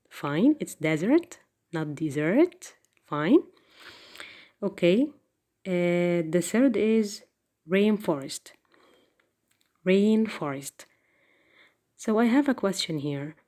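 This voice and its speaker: A woman's voice: fairly low pitch, warm tone. A woman teaching an English vocabulary lesson, hesitant and full of fillers, repeating each new word. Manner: slow, halting, many fillers, repeats words.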